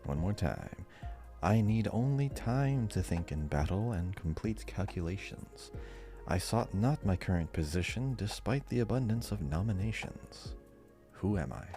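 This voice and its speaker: Faint background music sits under this fairly low, expressive male voice with a dark tone and measured pace. He's a podcast co-host acting as quizmaster, chatting casually as he runs the quiz.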